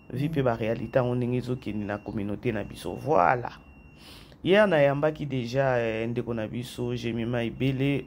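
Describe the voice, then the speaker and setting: The YouTube host, nursing a head cold, speaks in a medium-pitched voice with vocal fry, and a little hiss or hum runs under the audio. In his casual commentary vlog he switches between French and Lingala, repeats phrases, and talks directly to viewers.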